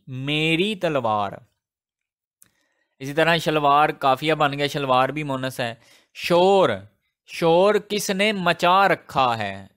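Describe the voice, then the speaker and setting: A male teacher, a native Urdu speaker, working through a grammar lesson word by word. His voice sits a little high, and he talks slowly and deliberately, building example sentences and repeating the key words to drive them home. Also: a bit bright, clean tone.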